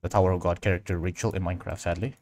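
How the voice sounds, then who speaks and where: A low-pitched, slightly mellow male voice delivers flatly and very fast. He's an Indonesian livestream host doing a casual tutorial, working while he thinks aloud and reads out and answers chat.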